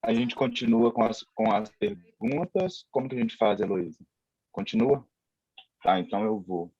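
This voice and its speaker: A man's voice: on the low side, lively intonation, moderate pace, a little mellow, dry recording, dull audio. A man moderating an online academic panel who hesitantly hands over to the next question. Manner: hesitant, coordinating turns.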